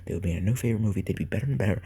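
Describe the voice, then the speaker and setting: A man's voice: low voice, racing, vocal fry, warm tone, a little hiss or hum. A young man casually reviewing movies for his channel, rambling and swearing with lots of fillers. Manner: rambling, profane, filler-heavy.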